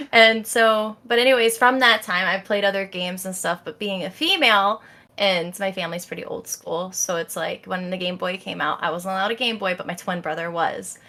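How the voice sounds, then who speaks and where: A young woman chatting as a guest on a podcast. Her voice is bright and forward, and she talks casually and laughs often. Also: mid-range voice, moderate pace. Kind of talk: casual chat.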